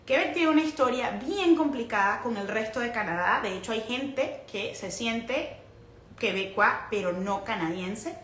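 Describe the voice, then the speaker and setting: A young woman with a Venezuelan accent chats in a relaxed personal vlog, her voice sitting a little high. She rambles and backtracks to fix her own words. The sound is roomy, with a faint background hiss. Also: a little slow. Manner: chatty, rambling, self-correcting. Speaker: missionary vlogger. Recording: roomy echo, faint noise.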